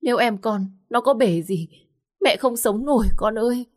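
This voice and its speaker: A woman's voice: on the low side, measured pace, husky. A woman voicing an anxious older mother, tearful and pleading, in a storybook reading. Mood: distraught.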